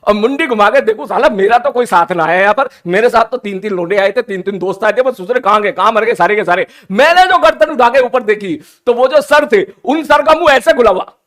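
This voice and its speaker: A male teacher, telling his students a story in an animated, teasing way and slipping English phrases into his talk. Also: high voice, fairly quick, hardly any pauses.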